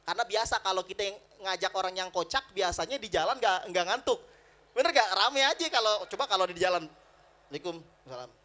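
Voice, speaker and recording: A male preacher, telling stories in a lively, joking sermon at a prayer room celebration. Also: sits high, brisk. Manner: lively storytelling with jokes and acted-out voices.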